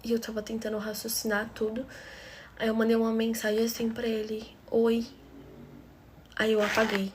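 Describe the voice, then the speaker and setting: A woman's voice: on the high side, monotone, a little fast, a little hiss or hum. A woman with a Brazilian Portuguese accent narrating a personal story for her channel in a confiding, emotional way.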